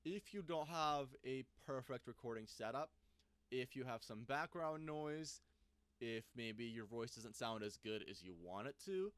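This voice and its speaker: Man with a smooth, dry voice. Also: mid-range voice, animated, unhurried, fairly bright tone, dry recording. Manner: thinks aloud while clicking, loose and conversational. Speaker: software reviewer. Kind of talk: casual screen-recorded tutorial.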